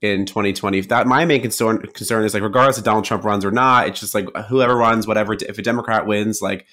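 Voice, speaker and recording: A young man co-hosting a podcast, talking casually and haltingly, restarting his sentences often. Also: fairly low pitch, fairly even intonation, bright, forceful tone. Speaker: podcast co-host.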